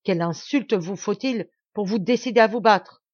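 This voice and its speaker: A woman voicing a fiery, scornful young man who speaks roughly and insultingly, in a dry home recording. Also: medium pitch, lively intonation, normal speed, dry recording, muffled recording. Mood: enraged. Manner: rough, insulting, furious outbursts.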